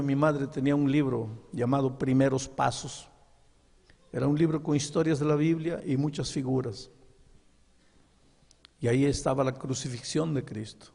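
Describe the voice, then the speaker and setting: A male pastor preaching a sermon, telling a story in an animated, dramatic way. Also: mid-range voice, gravelly, husky, big-room sound.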